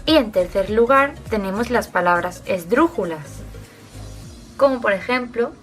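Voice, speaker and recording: Slow, clear female teacher narrating a lesson. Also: mid-range voice, expressive, fairly bright tone, faint music behind. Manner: slow, clear, explains step by step.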